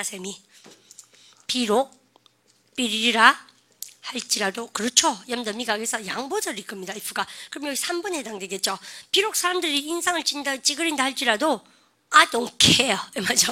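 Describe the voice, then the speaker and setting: A woman English teacher giving a lively classroom lecture, calling on the class again and again and drilling phrases aloud. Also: fairly high pitch.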